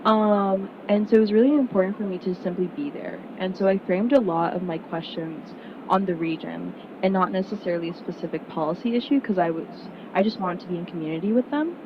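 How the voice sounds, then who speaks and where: Speaking a little fast, a young Miami woman chats earnestly with a room of prospective students at an information session, peppering her casual presentation with "like" and "um." Her voice sits a bit low for a woman. The recording sounds muffled, with a clear rumble running steadily beneath it.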